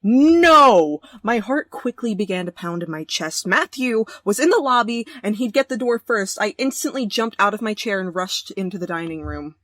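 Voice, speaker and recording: With a mid-range, animated voice, a young let's play host moves through a romance game fairly quickly and with few pauses. She narrates the story, adding slangy joking commentary, and the recording is dry.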